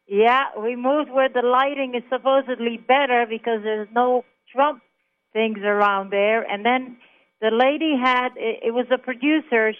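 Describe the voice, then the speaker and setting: Woman from israel calling in, tinny phone line, emphatic chatty storyteller. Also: fairly high pitch. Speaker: caller. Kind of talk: phone interview on talk radio.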